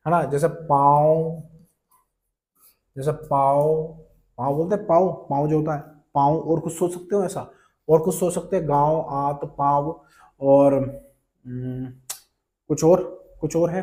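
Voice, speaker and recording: Mellow-voiced man teaching grammar. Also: fairly high pitch. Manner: repeats key terms and quizzes the viewer, calling them brother and friend. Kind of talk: online exam-prep class.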